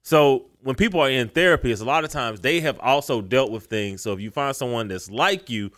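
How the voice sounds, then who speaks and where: Casting: excitable male podcast co-host, pitch jumps up, dry close mic. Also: fairly quick, dry recording. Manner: animated, voice rises when excited. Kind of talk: casual podcast chat.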